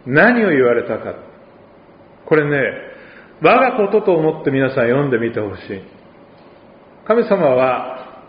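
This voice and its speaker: A male pastor with an Oita accent preaches a sermon in a conversational way, with dialect asides and gentle humor. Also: fairly high pitch, roomy sound, long reverb tail, highs cut off. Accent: Oita Japanese.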